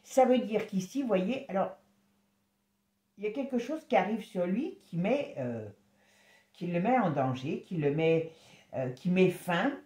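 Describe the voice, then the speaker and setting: A woman's voice: medium pitch, expressive. Chatty woman reading tarot, echoey room. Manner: chatty, exclamatory, halting with restarts; drops to a soft murmur when concentrating. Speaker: tarot reader.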